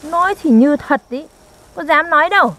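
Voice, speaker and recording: A woman's voice: high voice, normal speed, fairly bright tone. A young woman, performing in a scripted comedy skit and teasing and scolding her partner in an exaggerated way. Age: young adult. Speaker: comic actor.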